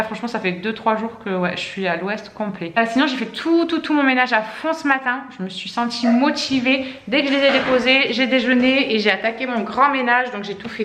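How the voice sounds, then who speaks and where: A woman in her thirties rambles through a casual home vlog. She is full of fillers and loose trailing lists, and her voice sits a touch high. The sound carries the roomy echo of a house with a faint hiss underneath. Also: fairly bright tone. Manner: rambling, many fillers and "et cetera". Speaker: mother and home vlogger. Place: family home, indoors.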